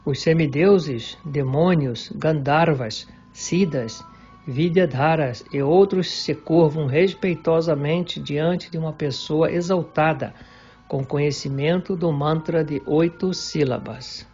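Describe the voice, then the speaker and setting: A man giving a measured, deliberate reading of a devotional religious text. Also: on the high side, a little mellow. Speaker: reader of a devotional book. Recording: dull lo-fi recording with faint background music.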